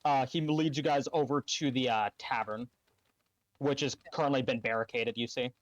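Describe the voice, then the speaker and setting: A man narrates as game master for a tabletop game, often pausing on ums and restarting his sentences. The mic sounds dull and lo-fi, and the room is dry. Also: mid-range voice, steady tone, dry recording. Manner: hesitant, lots of ums and restarts.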